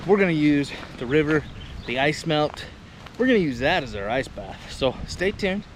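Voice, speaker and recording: A man talking casually to camera as a vlog host, in an informal, halting, rambling way. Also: fairly high pitch, expressive. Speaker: vlogger and host. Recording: noisy outdoor ambience, vehicle and river noise.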